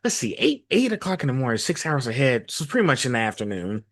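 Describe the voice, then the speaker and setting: A man's voice: mid-range voice, sing-song, quick pace, dry recording, studio quality. A man hosting a casual interview, informal and emphatic, often repeating his phrases for emphasis. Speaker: interview host.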